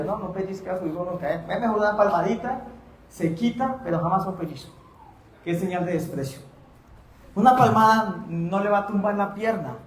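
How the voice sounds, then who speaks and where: A man preaching a sermon as pastor in a church, speaking in a lively way and acting out his congregants' voices. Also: high voice, roomy sound.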